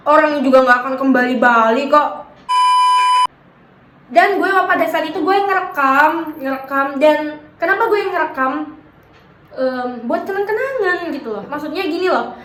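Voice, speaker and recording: Young woman ranting through her story, kinda high voice, slangy and defensive, echoey room. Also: a bit bright, a little hiss or hum. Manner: slangy Jakarta-style casual talk, defensive and emphatic. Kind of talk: personal storytime vlog.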